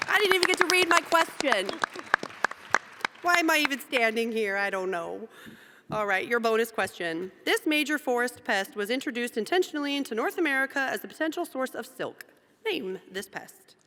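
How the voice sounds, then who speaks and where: A woman's voice: a little high, animated, normal speed, a crowd in the background, background noise. A woman moderating a quiz competition, reading questions aloud and joking between them, in a large event hall. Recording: long hall reverb.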